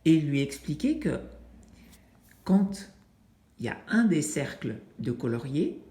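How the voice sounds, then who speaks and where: A teacher explaining a learning activity to parents in an unhurried way, pausing often with fillers while demonstrating with objects. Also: medium pitch, very animated, dark tone. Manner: unhurried, with frequent hesitations and fillers. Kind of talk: instructional video for families. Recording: roomy, echoey indoor sound.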